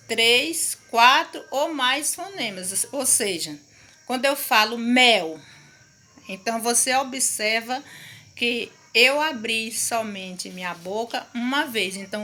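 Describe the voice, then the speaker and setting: Woman, schoolteacher, recorded lesson, slow deliberate pace, bright tone, patient explaining. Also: fairly high pitch. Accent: Brazilian Portuguese. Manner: slow, patient explaining with frequent "não é isso?" checks. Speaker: primary school teacher.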